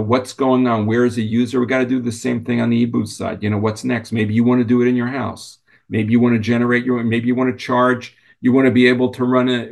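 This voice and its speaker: A man answering as a company executive in an unscripted interview, conversational and halting, often repeating words. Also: medium pitch, gravelly.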